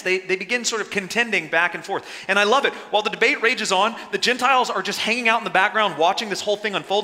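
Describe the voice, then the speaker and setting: A man's voice: high voice, sharp tone. A man preaching a sermon as pastor, impassioned, with dry asides to the congregation. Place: church sanctuary. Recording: long hall reverb.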